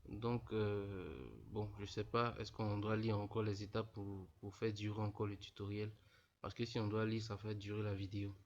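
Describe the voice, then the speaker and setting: A stuffy-nosed young man, sick with a cold, explains things in a casual screen tutorial, addressing students informally. His lowish, slightly mellow voice has little pitch movement at normal speed, and he's repetitive and fond of "voilà," all in a dull lo-fi voice-over.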